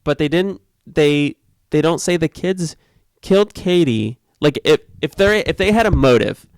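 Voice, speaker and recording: Man, casual co-host, rambling offhand delivery, clear smooth voice, dry close recording. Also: a little high, animated, unhurried, dry recording. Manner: loose, rambling, with fillers and mild swearing. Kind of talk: casual discussion of book versus film.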